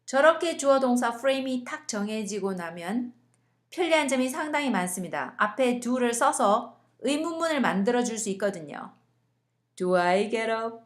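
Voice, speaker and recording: A young woman with a somewhat high voice narrates a scripted English lesson. She speaks clearly and deliberately, slowing down and drawing out example words as she coaches how each sound is made. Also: expressive. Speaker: English teacher.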